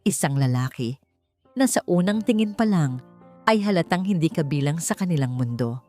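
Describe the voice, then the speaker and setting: Faint music accompanies a woman narrating a romance audiobook. She tells the story expressively at an ordinary pace, pitching up as moments turn dramatic.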